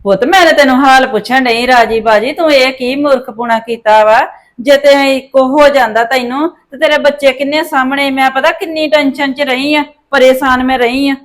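A woman plays a fretful older mother-in-law with a Punjabi accent. Her voice is high and anxious, and she pleads and worries over her family in a village drama. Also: fairly even intonation, moderate pace, natural voice. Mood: pleading. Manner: pleading, worried, calls others "putt".

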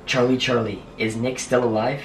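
A man's voice: mid-range voice, level tone, normal speed, a little hiss or hum. A young adult man talking urgently and dramatically to camera as a vlogger in a small home office, with exclamations and sighs. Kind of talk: dramatic paranormal challenge vlog. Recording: home room with music behind.

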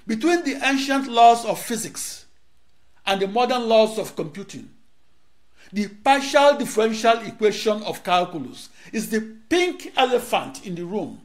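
With a high pitch and lively intonation, a middle-aged Igbo-speaking man from Nigeria declaims a rehearsed lecture in short phrases punctuated by dramatic pauses. He's filmed in a studio wearing a lapel mic.

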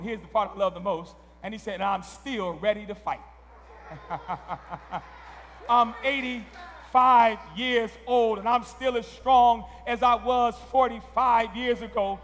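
A middle-aged male pastor preaching loudly, building up with repeated calls in a large church. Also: very high voice. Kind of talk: sermon. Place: large wood-paneled church sanctuary. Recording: long church hall reverb.

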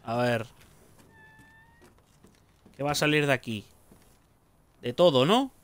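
A man's voice: medium pitch, lively intonation, slow pace, smooth. A man giving casual gameplay commentary, muttering to himself, joking and swearing as he plays. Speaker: gaming streamer.

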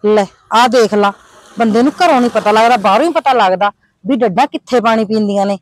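A woman's voice: a little high, quick pace, close to an everyday voice. A woman playing a village headman's worried wife, with a Punjabi accent, complaining about her husband. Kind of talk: village comedy drama.

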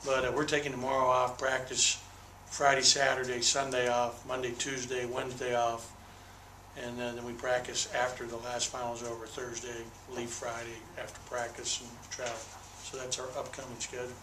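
An older man who is a college basketball head coach answers postgame press conference questions into a table microphone on a desk, his tone bright and forceful. He is candid and detailed, doubling back on words when he restarts, and his medium-pitched, completely flat delivery moves at normal speed. The small press room adds a roomy echo, with slight background noise.

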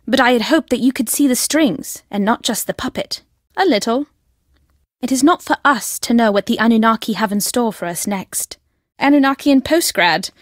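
For recorded video game voice lines, an actress plays a secretive woman who fervently believes in ancient aliens, moving from curt and cryptic to impassioned. Her voice sits on the high side, captured clean in the studio with no echo.

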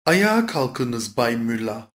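Measured reader with lively pitch. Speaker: Turkish phrase reader. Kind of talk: scripted phrasebook reading.

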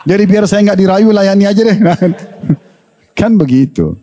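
A man preaching in an animated, humorous question-and-answer talk, acting out quoted dialogue. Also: high voice, moderate pace. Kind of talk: religious Q&A talk. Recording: long hall reverb.

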